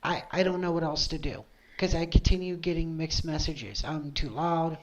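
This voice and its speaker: Speaking at a moderate pace in a voice that sits low, a streamer and video creator chats casually into her headset mic. She presses her points insistently and keeps repeating them.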